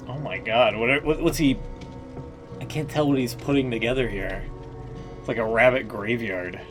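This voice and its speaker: Game music runs underneath as a man of medium pitch and moderate pace alternates between reading lore passages and tossing out casual, foul-mouthed reactions mid-stream.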